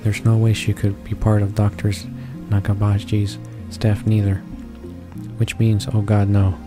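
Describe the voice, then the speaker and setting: A little slow and monotone, this man's lowish voice carries a halting, amateur read-along of a visual novel. As a gaming channel host he trips over words, corrects himself and adds casual remarks while game music plays softly.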